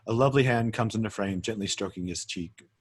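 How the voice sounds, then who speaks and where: Acting as narrator for a table read, a man reads screenplay directions aloud. His voice is fairly low and quite husky, and he moves through the scene descriptions in a measured, scripted way.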